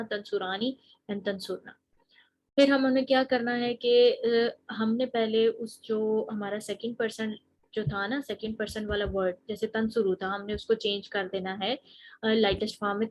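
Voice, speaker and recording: A woman's voice: mid-range voice, rough recording. A woman teaching an Arabic grammar lesson, explaining each step patiently and asking her students questions as she goes. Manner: explains step by step, mixing in English terms and asking the class questions. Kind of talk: recorded lecture.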